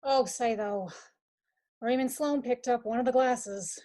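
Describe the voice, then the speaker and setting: In a radio mystery drama, a woman plays an anxious young gentleman, a well-mannered suitor caught up in a crime. Her lightly acted voice sits fairly high and comes in halting, urgent phrases, with a subdued, cooperative mood.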